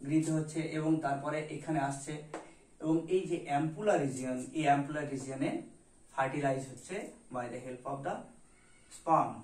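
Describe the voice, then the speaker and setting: Echoey teacher explaining a diagram. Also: male voice, fairly high pitch. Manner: mixes English terms into Bengali, asks and answers his own questions. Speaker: biology teacher. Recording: roomy echo, voice from a distance.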